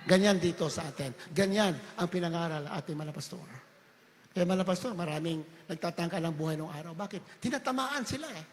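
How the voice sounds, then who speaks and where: A male preacher giving a fervent sermon, often rising to shouts and mixing Tagalog with English. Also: fairly high pitch, a little fast. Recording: long hall reverb.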